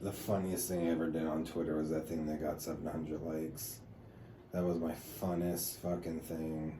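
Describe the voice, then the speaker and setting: A man's voice: very deep voice, normal speed. A man, a comedian, telling stories in casual podcast chat, cursing often and acting out what people said. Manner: swearing storyteller, animated quoted voices. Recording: roomy, distant mic, faint hiss.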